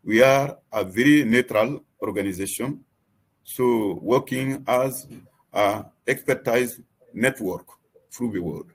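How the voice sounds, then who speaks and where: Man, panel speaker, slow delivery, husky, halting, searching for words. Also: mid-range voice. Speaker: panel speaker for a wetlands organization. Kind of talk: answering a question in a webinar.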